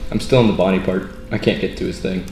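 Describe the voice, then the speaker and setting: A man's voice: deep voice, fairly even intonation, fast talker, a little mellow. A young man playing a horror game, chatting casually in a nervous, jumpy, exasperated way. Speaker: gamer. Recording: echoey room, some background noise.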